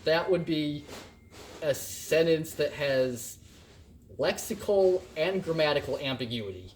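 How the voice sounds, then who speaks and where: Animated man giving a slow recorded lecture. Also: fairly high pitch, slight background noise. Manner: animated and playful, acting out examples in varied emphasis. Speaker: college instructor.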